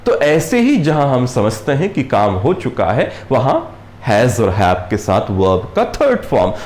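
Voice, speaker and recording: A man giving a grammar lesson, repeating his points, calling viewers friends and reading English example sentences slowly. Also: mid-range voice, darkish tone. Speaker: English teacher. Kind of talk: classroom-style grammar lesson. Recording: echoey room.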